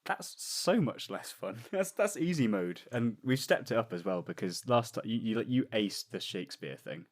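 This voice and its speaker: Brief: giggly, teasing man, pitch swinging all over, podcast banter. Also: big pitch swings, normal speed, few pauses. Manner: giggly, stammering restarts, teasing. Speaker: podcast co-host running a segment. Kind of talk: casual comedic chat.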